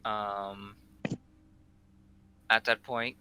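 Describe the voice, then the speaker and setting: A man narrating a tabletop game as game master, improvising in a halting way as he searches for words. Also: fairly low pitch, level tone, sharp tone, smooth.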